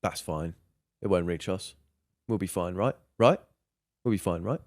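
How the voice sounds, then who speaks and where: A man co-hosting a casual podcast, deadpan and sarcastic, swearing casually. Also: deep voice, unhurried, no echo, studio quality. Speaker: podcast co-host. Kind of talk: casual chat.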